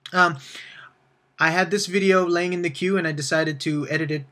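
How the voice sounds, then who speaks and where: A man speaks as the host of a video channel in a slightly high-pitched voice. He addresses viewers informally, rambling along in a relaxed vlog style. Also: moderate pace. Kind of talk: casual vlog outro to viewers.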